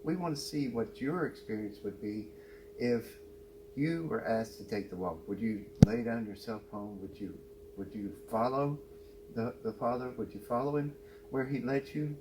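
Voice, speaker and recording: A man who is a guest on a casual radio interview, talking about his film in a halting way with repeated words. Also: medium pitch. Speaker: guest, filmmaker. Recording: noisy with hum.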